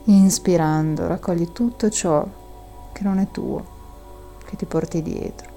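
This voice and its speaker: Slow, low, mellow woman guiding meditation. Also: soft background music. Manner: slow, calming delivery with long audible exhales. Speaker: guided meditation instructor. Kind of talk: soft, soothing guided breathing meditation.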